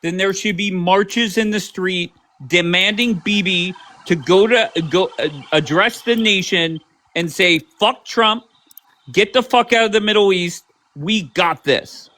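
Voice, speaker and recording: A man's voice: high-pitched, measured pace, pushed and bright. A man hosting a live stream, pushing back on guests with sarcastic challenges. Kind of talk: heated political debate.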